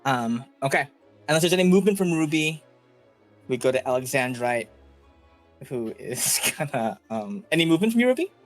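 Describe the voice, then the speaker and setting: A man's voice: medium pitch, sing-song, a little fast. A man narrating a tabletop game casually as game master. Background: faint music.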